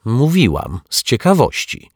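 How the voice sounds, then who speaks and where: A man's voice: low-pitched, lively intonation, a little mellow, slightly rough, no echo, clean studio sound, exaggerated voice. A man voicing a prim, touchy middle-aged female teacher who talks defensively and earnestly in an audiobook. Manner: defensive, earnest, dramatic pauses. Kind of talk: audiobook character voice.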